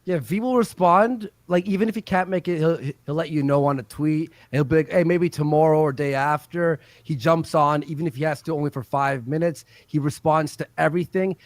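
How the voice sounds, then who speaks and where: Casting: foul-mouthed male host with a high voice, dry close sound. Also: a little fast, hardly any pauses, dry recording. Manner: profane, ranting. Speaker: show host. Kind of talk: casual livestream debate.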